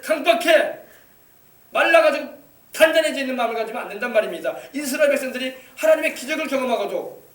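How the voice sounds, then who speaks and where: A man's voice: very high-pitched, lively intonation, quick pace, a bit bright. A male pastor preaching an emphatic sermon, exhorting the congregation with rhetorical questions. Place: church sanctuary. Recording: echoey church hall, mic at a distance.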